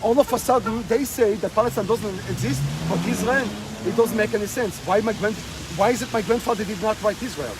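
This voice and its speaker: This man's voice is high and brisk, with few pauses, heard over music in a low-quality recording. He's being interviewed on a rainy street, hammering his points and repeating them, while cars pass and the street hums around him.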